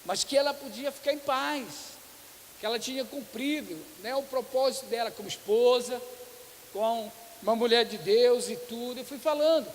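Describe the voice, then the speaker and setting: A man preaching as a pastor at a conference for cell group leaders, telling lively stories and acting out church members. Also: very high voice, normal speed. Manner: animated storytelling preacher, acts out church members. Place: church hall. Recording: reverberant hall with faint hiss.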